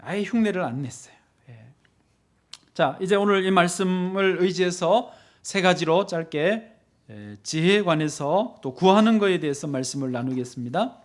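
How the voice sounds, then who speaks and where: Male pastor with a high voice, preaching lively and acting out the Bible figures he quotes. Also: normal speed. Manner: acts out Bible figures in lively voices, leads congregation in call-and-response. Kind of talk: sermon.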